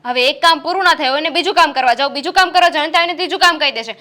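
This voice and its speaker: In a Gujarati short film, a woman plays a young wife fed up with her mother-in-law. Her voice is high, fast and sharp, and she complains angrily in a heated, rapid rush.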